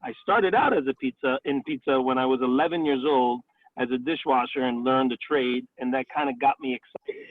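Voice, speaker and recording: A man's voice: medium pitch, brisk, no echo. Man on a tinny phone line, chatty. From Italy, raised in the Bronx, New York. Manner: chatty, many fillers like "um" and "you know". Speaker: restaurant owner and chef. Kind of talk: career interview over a call.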